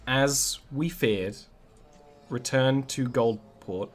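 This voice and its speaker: Tabletop boy emperor, played by a man: regal, measured, commanding delivery, mid-pitched. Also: soft background music. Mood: solemn, commanding. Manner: regal, slow, deliberate command. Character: regal sixteen-year-old emperor.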